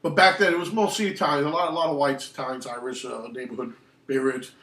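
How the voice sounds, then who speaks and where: A man's voice: medium pitch, quick pace, far from the mic. A man, telling rambling film stories in casual chat, full of restarts. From New York. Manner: rambling, animated storytelling with many restarts. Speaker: podcast host. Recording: roomy echo, off-mic.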